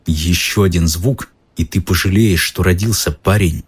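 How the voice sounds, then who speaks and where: A man voicing a menacing, bad-tempered middle-aged uncle who speaks through clenched teeth, with a husky voice. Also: low-pitched, normal speed.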